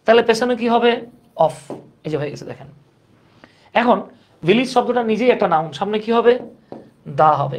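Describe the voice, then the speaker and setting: Male grammar teacher, conversational and joking, quizzes students as he explains. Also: sits high. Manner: conversational, asks the class questions, jokes. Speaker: English teacher. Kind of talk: grammar lesson.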